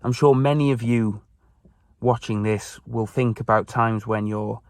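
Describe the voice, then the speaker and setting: Here a native Welsh speaker in his twenties, part of a church youth group, shares a heartfelt personal reflection on faith to camera from his parked car, his Welsh accent clear. He speaks unhurriedly at medium pitch, with fairly even intonation and a darkish tone. The recording is dry and studio quality.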